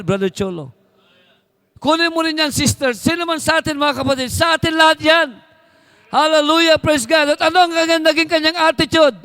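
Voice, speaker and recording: High-voiced Filipino pastor preaching in a hall. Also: male voice, fairly bright tone, clear, resonant tone. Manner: switching between Tagalog and English, slow emphatic scripture reading. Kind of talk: sermon.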